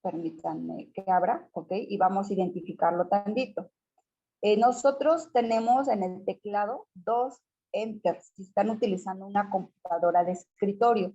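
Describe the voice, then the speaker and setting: A woman's voice: medium pitch, moderate pace, warm tone, lo-fi sound. A woman teacher walks students through a computer screen tutorial, patiently checking in with them as she goes.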